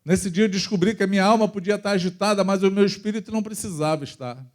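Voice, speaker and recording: Brazilian pastor guy in church, fairly high voice, emotional testimony, goes loud then quiet. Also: fast. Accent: Brazilian Portuguese. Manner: emotional storytelling, swings between loud and soft. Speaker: preacher. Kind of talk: sermon testimony.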